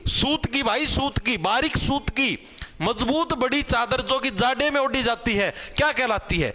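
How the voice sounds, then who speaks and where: A man with a Haryanvi accent and an extremely high-pitched voice leads a general knowledge exam class at a moderate pace, with background noise present. He goes over points repeatedly, addresses students as "bhai," asks "theek hai" to confirm they follow, and holds up cloth samples while explaining.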